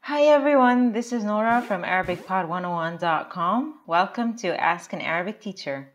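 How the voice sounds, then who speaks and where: A woman teaching a language lesson as the show's teacher, explaining grammar in a clear, deliberate way and slowing down for example phrases. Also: mid-range voice, animated. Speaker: Arabic teacher.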